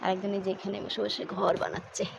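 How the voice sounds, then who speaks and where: A woman's voice: medium pitch, level tone, fast talker, gravelly. A woman in her thirties, a vlogger and mother, chatting casually to viewers while going about her day at home. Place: rural home and courtyard on a hot day. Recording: outdoor ambience with passing vehicles. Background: traffic and ambient noise.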